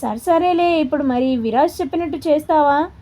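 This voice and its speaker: A woman's voice: high voice, a little fast, warm tone, close to an everyday voice. A woman voicing a nosy, teasing young woman roommate who asks questions and pokes fun.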